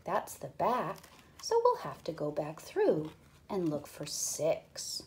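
A young woman teacher leads small children through a counting book, drawing out each number very slowly. Her pitch is a little low at rest but swings widely, leaping up in excitement and dropping to playful whispers. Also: a little hiss or hum. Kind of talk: counting read-aloud lesson.

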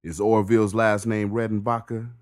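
A man's voice: on the low side, flat delivery, normal speed, a little mellow, dry recording, studio quality, voice pushed up, natural voice. A man voicing a confident, muscular male inmate on his last day, talking cocky and easygoing street slang, a bit above his own voice. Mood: joking.

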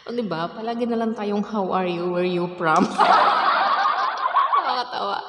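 A young woman with a Visayan accent narrates her own video chats, giggling and chatty. Her pitch swings widely as she talks. The phone recording sounds roomy and echoey, with a loud hiss underneath. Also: huge pitch swings, normal speed, lo-fi sound. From Philippines. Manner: giggly, chatty, laughs often. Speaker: vlogger. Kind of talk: casual video-chat commentary. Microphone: phone, video call.

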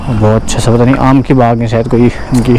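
Chatty male rider over loud road noise. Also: mid-range voice, level tone, quick pace. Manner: chatty, admiring the scenery. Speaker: motorcycle travel vlogger. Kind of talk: casual ride commentary. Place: riding a motorbike on a highway.

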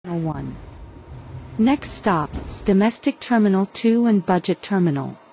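A woman's voice announces stops on an airport shuttle train through a loudspeaker, heard from a distance in a very echoey car. The sound is dull and muffled, and the delivery is calm, even and plainly scripted. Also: medium pitch, moderate pace, vocal fry. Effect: recorded airport train announcement over a loudspeaker. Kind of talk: automated transit announcement.

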